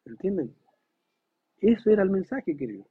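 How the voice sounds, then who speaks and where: A man preaching a sermon to his congregation, asking them questions and acting out quoted dialogue in a lively way. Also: high voice, normal speed, slightly rough. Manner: lively, voices God and biblical figures in quoted dialogue. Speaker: pastor. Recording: dull lo-fi recording.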